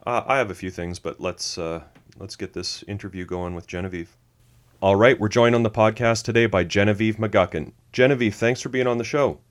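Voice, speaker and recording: A man's voice: on the low side, a little fast. A man hosting a podcast, interviewing a guest in a laid-back way. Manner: laid-back, brief affirmations. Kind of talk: casual interview.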